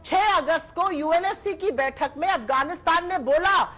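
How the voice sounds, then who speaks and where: Female political spokesperson, very high voice, combative debater. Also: a bit bright. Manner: combative, rapid-fire accusations. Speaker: party spokesperson. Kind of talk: TV debate argument.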